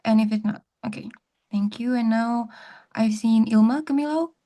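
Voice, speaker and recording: A woman moderating an online panel, brisk and polite. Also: a little high, dark tone.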